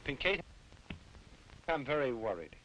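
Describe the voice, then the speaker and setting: An earnest doctor and father, calm and reasoning, in an old dubbed film. His voice sits mid-range, with a faint hiss behind it. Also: mid-range voice, a little slow, low-quality recording. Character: calm male doctor, worried family father. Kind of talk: 1950s dubbed film dialogue.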